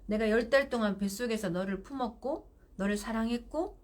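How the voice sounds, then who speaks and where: A woman's voice: a little high, fairly quick. A middle-aged woman hosting live parenting advice, speaking firmly and directly and acting out parent-child exchanges. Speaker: parenting counselor.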